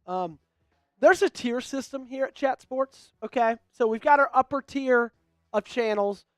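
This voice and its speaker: A man hosting a live-streamed sports talk show, upbeat and rattling off shout-outs to viewers. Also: very high voice, unhurried, no echo, studio quality. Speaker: host.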